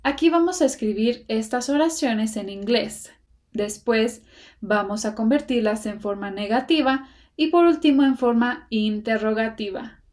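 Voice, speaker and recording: A woman with a fairly high voice leads a beginner's grammar class, taking her time over every point. She breaks each sentence down piece by piece and says the English examples slowly and carefully. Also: a little mellow. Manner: patient step-by-step explaining. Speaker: English teacher. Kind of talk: Spanish-language English grammar lesson.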